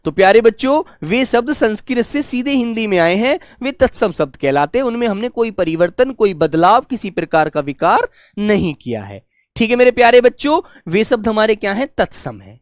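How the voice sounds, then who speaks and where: Male teacher, online exam-prep class, fond and patient tone, repeats phrases slowly, dry close mic. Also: sits high, sing-song, no room sound. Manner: affectionate, repeats key phrases slowly for dictation. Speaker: Hindi teacher.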